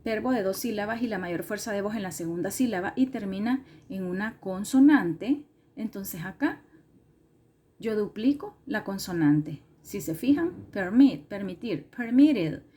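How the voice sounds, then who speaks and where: A woman's voice: medium pitch, animated, a little slow, mellow, slightly rough. A woman teacher explaining grammar rules step by step, patiently repeating herself and correcting small slips as she goes. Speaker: English teacher. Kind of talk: recorded classroom lesson explanation.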